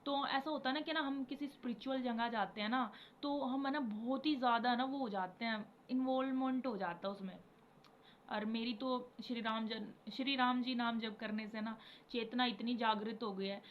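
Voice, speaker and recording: A woman's voice: a little high, fairly even intonation, moderate pace. A tired young woman talking casually and rambling to her viewers about devotion, mixing English words into her Hindi and chanting repeated syllables now and then. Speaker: spiritual vlogger. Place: home. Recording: dull lo-fi recording with faint background noise.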